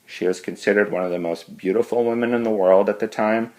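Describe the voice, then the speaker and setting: A man's voice: fairly low pitch, fairly even intonation, a little fast, a little mellow, rough recording. A male teacher reading a novel aloud to his class, breaking off for friendly asides to his students.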